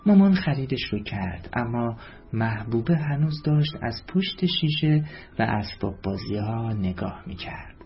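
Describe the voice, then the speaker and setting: Gentle man telling a bedtime story. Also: mid-range voice, expressive, gravelly. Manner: gentle, addressing children directly. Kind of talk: scripted story narration for children. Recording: dull lo-fi with faint background music.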